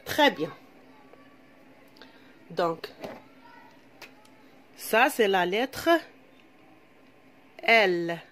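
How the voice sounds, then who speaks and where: A woman's voice: mid-range voice, lively intonation, a bit bright. A woman teaching a reading lesson to young children, patient and repetitive, asking questions as she goes, with an Algerian French accent. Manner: slow, patient, repeats and asks questions to pupils. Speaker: primary school teacher.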